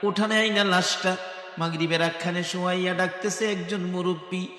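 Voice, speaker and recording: An Islamic preacher chants a sung waz sermon in a melodic, wailing style over loudspeakers at a large religious gathering. His high voice is bright and forceful, keeping a steady tone at a moderate pace, with echoey hall sound and faint music around him.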